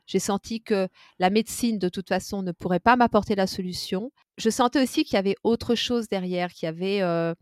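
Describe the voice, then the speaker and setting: A woman's voice: medium pitch, no room sound, clean studio sound. A middle-aged woman telling her life story in an informal conversation, hesitant and full of fillers and tag questions. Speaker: interview guest.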